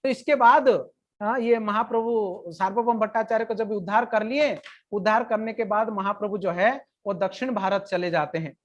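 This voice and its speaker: This woman speaks at a medium pitch, and the recording sounds muffled. She's giving a devotional lecture, recounting a scripture story in plain everyday language with occasional slow recitations of verses.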